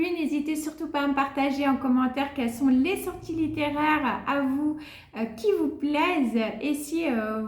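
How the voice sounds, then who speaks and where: Femme à la voix aiguë, pièce résonnante. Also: female voice, high-pitched, a little mellow, echoey room. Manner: hesitant, many "euh" fillers. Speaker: book vlogger. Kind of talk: casual book wishlist vlog.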